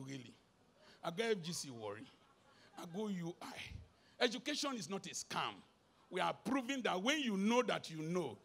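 A Nigerian man preaching a sermon live at a concert, swinging between shouted lines and low muttered asides, slipping into pidgin. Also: gravelly.

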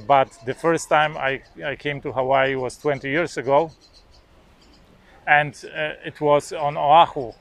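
On a beach lawn, a forties-aged vlogger from Poland, whose native language is Polish, chats casually to the camera. He stumbles with many filler sounds and restarts, in a creaky voice that sits on the high side.

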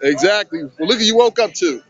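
Man, vlog host, high voice, loose streetwise banter, outdoors on a beach, dull phone recording. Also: animated, a little fast, fairly bright tone. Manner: loose, hyped streetwise talk. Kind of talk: casual handheld beach vlog. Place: outdoors on a sunny city beach. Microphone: handheld phone camera.

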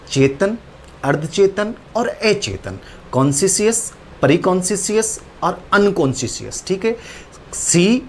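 A man's voice: on the high side, a little hiss or hum. Man teaching, quizzing his own points. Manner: repeats questions and answers them himself; tags lines with "ठीक है". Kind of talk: exam-prep psychology lecture.

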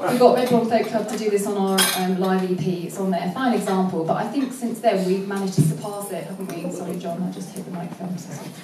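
A woman's voice: mid-range voice, fairly even intonation, quick pace, few pauses. A woman from a folk band chatting and joking with the audience in a live club, recorded from a distance. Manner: chatty, laughing, self-deprecating. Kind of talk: onstage banter between songs. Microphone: stage mic, distant. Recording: echoey live room from far off, noisy.

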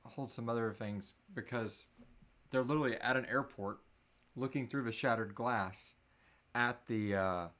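Unhurried and easygoing, a thirtysomething podcast host fields questions on a live stream, keeping things loose and dropping swear words freely. His mid-range voice has a fairly bright tone, captured at desk distance in a small room at home.

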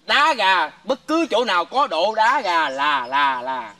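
A man's voice: sits high, very animated, unhurried, distant mic. A man playing a stuttering, boastful city gambler in a stage comedy sketch, repeating syllables constantly. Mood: stammering.

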